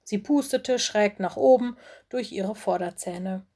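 A woman reads a children's story aloud with clear, expressive delivery. Her voice sits at a medium pitch. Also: measured pace. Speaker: audiobook narrator.

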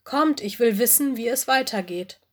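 A woman doing Lola, a bold excitable young critter. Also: on the high side, normal speed, husky. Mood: excited. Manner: lively, daring. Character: bold curious young female forest animal.

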